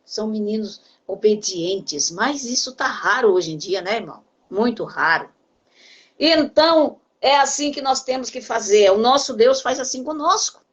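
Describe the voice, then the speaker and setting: A woman's voice: a little high, lively intonation, normal speed. An older woman pastor with a Brazilian Portuguese accent, preaching earnestly on a broadcast program and calling her listeners brother.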